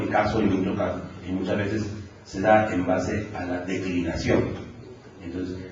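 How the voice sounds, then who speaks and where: A man's voice: on the low side, a little hiss or hum. A man with a Peruvian accent giving a university conference lecture, explaining step by step and often checking in with the audience. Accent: Peruvian Spanish. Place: large lecture hall. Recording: echoey hall, far off, dull lo-fi.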